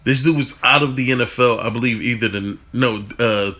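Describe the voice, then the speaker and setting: A man talking fast in a casual football rant, stumbling over restarts and swearing casually. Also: mid-range voice, sharp tone. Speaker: football fan commentator.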